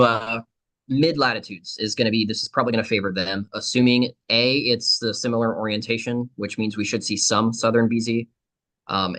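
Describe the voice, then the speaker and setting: A man's voice: fairly low pitch, a bit bright. A man co-hosting a casual live stream, explaining space weather with dry humor.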